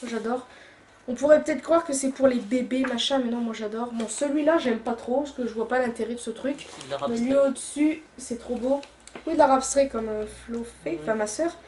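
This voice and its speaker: A young woman with a fairly high voice, chatting and gushing about her shopping haul, full of fillers and happy repetitions. Her voice rings in an echoey room, with a faint hum behind it. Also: a little mellow. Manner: chatty and gushing, repeats "j'adore", many fillers. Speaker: YouTuber. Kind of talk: casual haul vlog.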